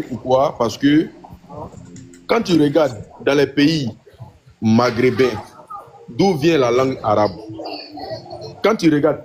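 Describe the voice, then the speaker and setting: An Ivorian man, speaking with an Ivorian accent as a panelist in a live online discussion, argues insistently in an impromptu debate, repeating his phrases for emphasis. His voice is a little high and a little mellow, heard over slight background noise in a low-quality recording.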